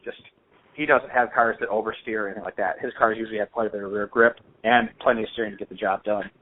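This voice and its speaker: A man with a lowish, steady voice talks fast on a phone call, hosting a hobby show and rambling through casual, slangy anecdotes. The lo-fi phone audio sounds dull and carries a slight hiss or hum.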